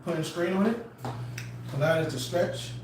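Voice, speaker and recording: A man's voice: high voice, moderate pace, recorded from a distance, slight background noise. A man in casual chat who explains fitness topics at length, leaning on fillers like "kinda.". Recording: echoey room, voice set back from the mic.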